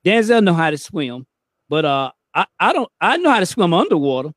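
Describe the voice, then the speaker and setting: High male voice, animated storyteller, dry recording. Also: brisk, dry recording. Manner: animated storyteller, repeats words, calls people man. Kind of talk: casual chat.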